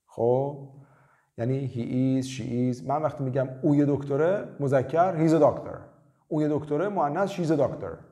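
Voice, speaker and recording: A man teaching basic English in a casual, lively way, repeating short phrases for students to copy. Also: a little high. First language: Persian. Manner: lively, drills phrases with repetition. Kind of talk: casual spoken lesson.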